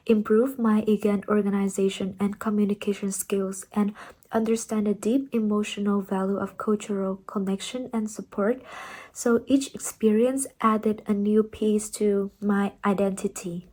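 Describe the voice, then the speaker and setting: Young woman from Vietnam, student narrator, soft near-whispered read, even and mellow, faint music under the voice-over. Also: medium pitch. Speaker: postgraduate student. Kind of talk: scripted reflective narration.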